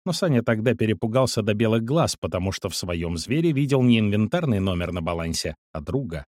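A man reading a first-person story aloud, in a measured, calm and precise storytelling manner. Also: fairly low pitch, no echo, clean studio sound. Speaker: audiobook narrator. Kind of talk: first-person scripted narration.

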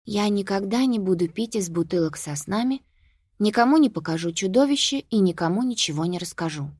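A woman reading an audiobook, voicing a young girl who begs and pleads in a high, insistent voice. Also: lively intonation, a little fast, darkish tone, slightly rough, no echo. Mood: pleading.

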